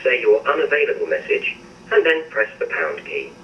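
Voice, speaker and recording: A man's voice: medium pitch, very animated. An automated male voice reading voicemail menu prompts, heard over a landline phone. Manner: measured, recorded menu announcements. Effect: heard over a landline phone handset. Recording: muffled, distant landline phone audio with faint hiss.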